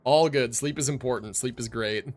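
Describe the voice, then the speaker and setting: A man with a mid-range voice, talking at normal speed, hosts a gaming livestream. He chats casually through a streaming microphone, rambling along with slang and a bit of swearing.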